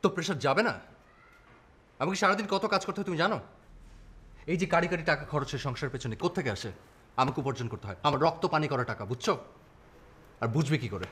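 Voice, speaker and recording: A man's voice: on the high side, fast, long pauses, fairly bright tone, slightly rough. An actor playing a tired husband, curt and dismissive toward his wife, later remorseful. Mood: irritated. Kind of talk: TV drama acting.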